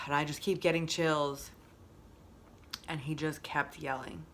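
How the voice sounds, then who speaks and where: A woman's voice: low voice, steady tone, slow pace, fairly bright tone, slight background noise. A woman hosting a casual motivational monologue, reflective and repeating phrases for emphasis. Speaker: host.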